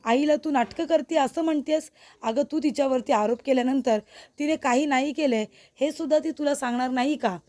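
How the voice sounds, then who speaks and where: A woman's voice: high voice, a little fast, warm tone, natural voice. Young husband scolding his wife, insistent, voiced by a woman narrator.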